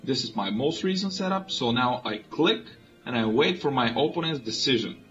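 A man from Bulgaria, a native Bulgarian speaker, calmly and methodically explaining his moves in a strategy board game. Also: medium pitch, moderate pace, dull audio, soft background music. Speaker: player. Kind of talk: let's play commentary.

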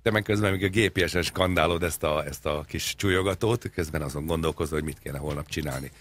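Very deep-voiced man, wry and rambling. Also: fairly bright tone. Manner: wry, rambling, absurd jokes, frequent hesitations. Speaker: radio show co-host. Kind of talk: comedic casual chat. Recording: studio radio talk show.

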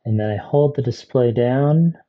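A man's voice: mid-range voice, moderate pace, dull audio. A man chatting casually through a gadget review vlog, rambling with asides as he tries out devices.

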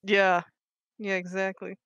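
A woman's voice: medium pitch, completely flat delivery, takes it slowly, a bit bright, smooth, dry recording, highs cut off. Chatty young woman, dry close sound. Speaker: co-host of a gaming channel. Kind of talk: casual chat while playing a game.

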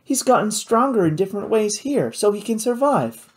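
A woman reading an audiobook, voicing an eager, impulsive young woman scientist with animated enthusiasm. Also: medium pitch, normal speed, pitched above the performer's own voice, lightly acted. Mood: enthused.

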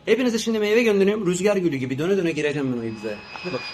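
A man's voice: sits high, very fast, very noisy, natural voice. A man playing an exasperated male airline captain who grumbles, rants and swears between cabin announcements. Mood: ranting. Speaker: comedian doing a character. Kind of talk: comic monologue sketch.

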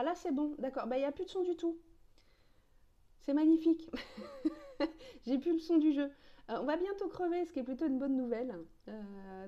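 A woman streaming a game live, chatting casually with her viewers, greeting them by name and filling pauses with "euh". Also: fairly high pitch, dark tone, lo-fi sound.

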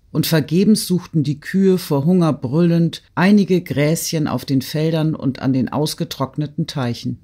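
A man reading a classic novel aloud in steady, measured audiobook narration. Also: a little high.

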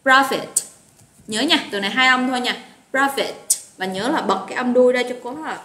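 A woman's voice: fairly high pitch, a little fast, sharp tone. Chatty Southern Vietnamese woman teacher, roomy echo. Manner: chatty, encouraging, reads out students' names. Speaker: English teacher. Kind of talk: live online vocabulary class. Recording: roomy echo with faint noise.

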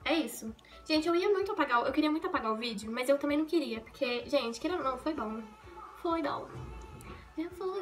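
Bright-voiced joking young woman vlogger. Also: high-pitched. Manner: chatty and joking, rambling with self-corrections. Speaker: makeup vlogger. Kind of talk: casual get-ready-with-me vlog. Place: at home in a bedroom.

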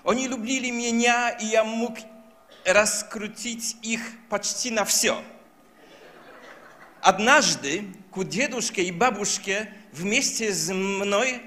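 A man in his fifties with a Polish accent, a native Polish speaker, preaching through personal stories in halting, imperfect speech on a handheld microphone. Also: sits high, bright, forceful tone. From Poland. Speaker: guest preacher. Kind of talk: sermon with personal storytelling. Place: stage in a church hall.

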